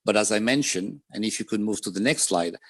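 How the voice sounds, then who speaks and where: This French-accented man from France presents as a panelist over a video call, measured and using "um" to pause between ideas. His pitch is fairly low and a bit bright, and the recording has no echo.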